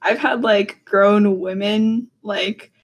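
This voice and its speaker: A young woman guest in casual podcast chat, chatty and halting with fillers, over a voice chat mic. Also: medium pitch, steady tone, crowd noise.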